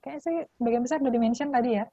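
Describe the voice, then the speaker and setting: A woman moderating a webinar, briskly reading out audience questions. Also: a little high, warm tone, dry recording. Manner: brisk, reads questions quickly. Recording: dry, muffled call audio.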